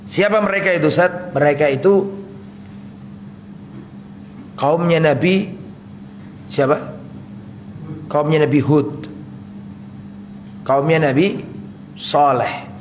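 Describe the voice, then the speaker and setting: A man's voice: fairly high pitch, a little hiss or hum. Tinged man preaching conversationally. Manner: conversational, asks the audience questions and answers them himself. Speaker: ustadz giving a religious study talk. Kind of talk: casual sermon with questions to the audience.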